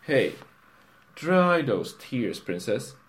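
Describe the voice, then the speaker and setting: A man's voice: mid-range voice, big pitch swings, very slow, pitched above the performer's own voice. A man voicing a smug, vain male pony millionaire in a comic storybook reading, boastful and teasing.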